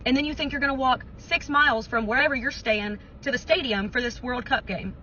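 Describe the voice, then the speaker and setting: A woman's voice: high-pitched, brisk, pushed and bright, muffled recording, slight background noise. A woman in a sassy, exasperated casual rant to the camera. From United States.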